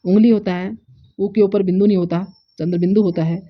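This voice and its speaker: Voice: mid-range voice, steady tone, fairly quick. A Hindi teacher giving an exam-prep spelling lesson, drilling each correct and wrong form in turn and earnestly stressing what matters for exams. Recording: slightly dull lo-fi audio.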